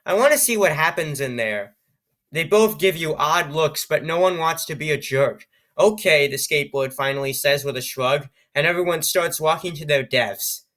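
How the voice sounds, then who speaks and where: Bright-voiced man reading with sarcastic asides. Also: a little high. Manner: sarcastic, amused, stumbles over words while reading. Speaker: channel host reading an AI-written story. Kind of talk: reading aloud with joking asides.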